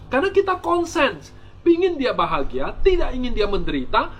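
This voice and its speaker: A Buddhist monk gives a dharma talk in an extremely high-pitched, fairly bright voice. Answering viewer questions, he uses rhetorical questions and teasing humor, often restarting sentences and repeating words.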